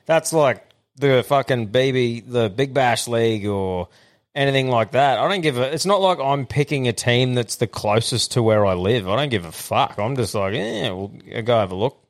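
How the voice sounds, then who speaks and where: A man's voice: mid-range voice, normal speed. An Australian man hosting a podcast, chatting casually in a blokey, sweary way. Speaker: podcast host. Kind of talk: casual banter.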